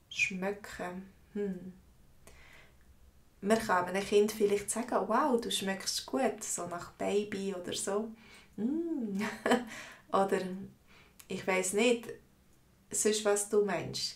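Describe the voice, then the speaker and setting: A woman with a Swiss accent, teaching a live online language lesson, explaining words slowly and answering viewers' comments. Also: mid-range voice, fairly bright tone, roomy sound. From Switzerland. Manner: slow, explanatory, repeats words for learners.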